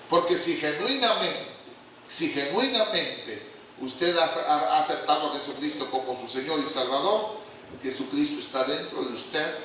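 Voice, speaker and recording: A man's voice: a little high, a little hiss or hum. Older male preacher echoing through a hall. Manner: lively, humorous preaching with call-and-response questions. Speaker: guest pastor. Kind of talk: sermon. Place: church hall. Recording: echoey hall recorded from a distance.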